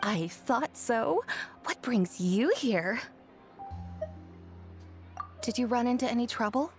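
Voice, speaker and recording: A woman voicing a mild, polite, unhurried female shopkeeper in a video game. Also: on the high side, expressive, faint music behind. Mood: welcoming. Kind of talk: English video game voice acting.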